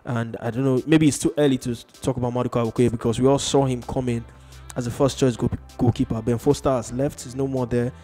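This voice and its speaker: A man's voice: mid-range voice, fairly even intonation, fast talker, warm tone, soft background music. A man hosting a casual sports chat, hesitant and full of fillers. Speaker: sports show host.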